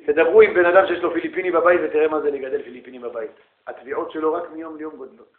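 Rabbi guy giving a lively talk, slightly high voice, tinny phone-ish echoey recording. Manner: animated, addresses listeners as brother, rhetorical questions. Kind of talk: lively religious lecture.

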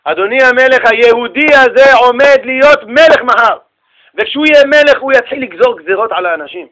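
A man's voice: high-pitched, sing-song, pushed and bright, heavily acted, rough recording. A man voicing a shrewd old sage explaining himself firmly to a king. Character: shrewd older male sage, calm and confident.

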